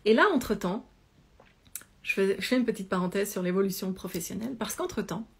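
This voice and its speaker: A woman's voice: mid-range voice, brisk, creaky, breathy edge. A woman in her thirties, a yoga teacher and life coach, casually telling her own life story, chatty with many fillers and restarts, filmed close up at home. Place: small indoor room at home. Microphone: phone or webcam close to face.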